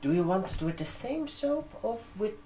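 A high-voiced man in his twenties with a non-native English accent swings widely in pitch while role-playing a barber shop receptionist for ASMR. The background is noisy, including computer keyboard typing, and he sits at an indoor desk with a laptop. His soft customer-service talk is halting and drawn out, with frequent check-in questions.

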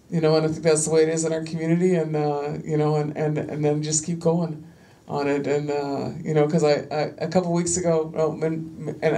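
A woman's voice: low voice, mellow. A middle-aged woman speaking as a panel guest, telling stories loosely with many fillers, her voice rising and sharpening when she quotes herself confronting others. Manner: loose, rambling delivery full of "you know" fillers. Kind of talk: casual storytelling on a panel.

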